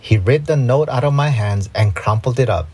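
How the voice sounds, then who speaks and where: A woman's voice: rumbling low, slightly rough. A woman reading a children's storybook aloud, voicing the characters. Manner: slow, lively read-aloud with voiced characters. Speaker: storybook reader.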